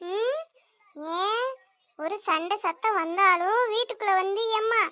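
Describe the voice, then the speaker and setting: A woman voicing a loud, nagging cartoon mother. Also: very high voice, measured pace, dry recording, studio quality, exaggerated voice. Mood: furious. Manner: shouting, scolding, sarcastic. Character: angry nagging village mother, loud and quick-tempered. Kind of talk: cartoon voice acting.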